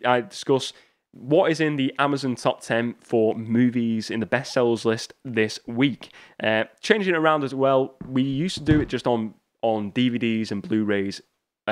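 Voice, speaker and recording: A man hosting his own solo podcast, talking in a loose, chatty way with frequent fillers and restarts. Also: mid-range voice. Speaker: podcast host. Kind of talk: solo casual podcast talk.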